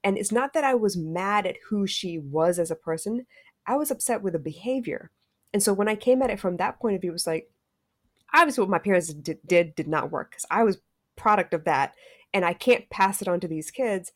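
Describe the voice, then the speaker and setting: A woman's voice: medium pitch, animated, brisk, no echo, studio quality. A middle-aged woman, a podcast guest, speaking frankly and reflectively about raising her stepchildren, with the odd curse word. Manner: frank and reflective, occasional cursing. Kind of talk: candid storytelling about parenting.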